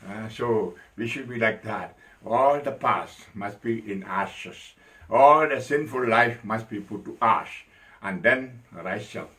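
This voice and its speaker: A man preaching a sermon as a priest, emphatic and animated, with many fillers. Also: medium pitch, distant mic, low-quality recording.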